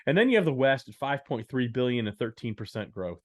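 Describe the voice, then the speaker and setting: A man's voice: medium pitch, very animated, a little fast. A man from the United States co-hosting a casual business podcast, chatting and walking through numbers. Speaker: podcast co-host.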